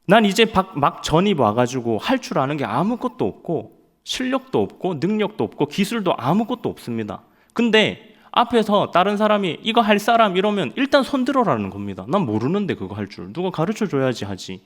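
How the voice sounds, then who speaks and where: A young man preaching a sermon, telling stories in an animated way and acting out loud quotes. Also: a little high, brisk. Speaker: evangelist preaching at a Friday night prayer service.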